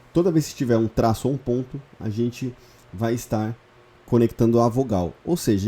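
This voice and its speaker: A man's voice: mid-range voice, mellow. A man teaching a lesson step by step, patient, repeating key points and checking in often. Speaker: Hebrew teacher. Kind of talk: online lesson, explaining step by step.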